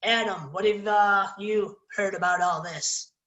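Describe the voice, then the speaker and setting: A man's voice: sits high, steady tone, unhurried, pushed and bright, roomy sound, dull audio. A man co-hosting a podcast who chats casually about sports, leads the talk and moves it along to new topics. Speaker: podcast co-host.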